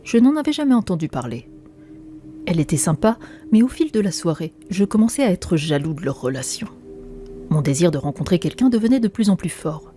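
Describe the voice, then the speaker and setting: A woman telling a first-person story in a plain, conversational way. Her voice is low and mellow, and faint music plays under her words. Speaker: narrator. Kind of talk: scripted first-person narration.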